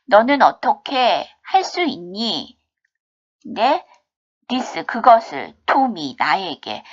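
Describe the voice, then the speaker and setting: A woman teaching an English lesson, explaining step by step, asking and answering her own questions, and reading example sentences slowly and with exaggeration. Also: medium pitch, big pitch swings, muffled recording. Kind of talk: recorded online English lesson.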